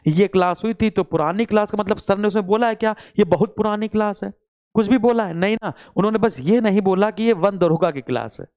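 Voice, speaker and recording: A man's voice: high voice, darkish tone, clear, resonant tone. A young man, a coaching teacher walking students through a course syllabus and scolding those who complain.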